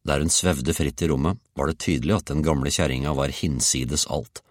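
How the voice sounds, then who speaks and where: A man reading a children's story aloud, with an expressive, playful delivery. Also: rumbling low, no room sound, studio quality. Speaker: audiobook reader. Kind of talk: storybook narration.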